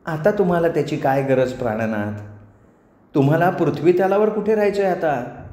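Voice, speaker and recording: A man's voice: animated, moderate pace, a little mellow, roomy sound, natural voice. A man voicing a seductive celestial nymph woman, speaking sweetly and coaxingly in a storytelling performance. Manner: sweet, coaxing, falsetto-ish.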